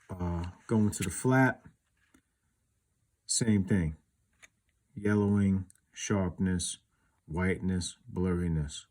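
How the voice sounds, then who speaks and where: Deep and warm, this man's voice carries an informal, unplanned comparison on a video he hosts as a collector. He rambles as he explains, leaning heavily on "you know."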